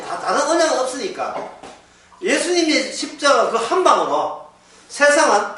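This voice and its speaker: Animated, joking pastor lecturing. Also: male voice, high voice. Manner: animated, joking, repeats key words. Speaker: pastor giving a Bible lecture. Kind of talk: church Bible lecture. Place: church lecture room. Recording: echoey hall, mic far off, faint background noise.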